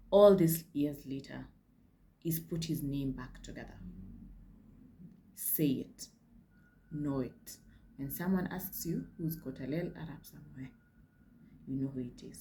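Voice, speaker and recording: A woman's voice: low-pitched, dark tone, a little hiss or hum. A Kenyan woman hosting a casual history vlog, chatty, with frank asides and slips into Swahili. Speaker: history channel host.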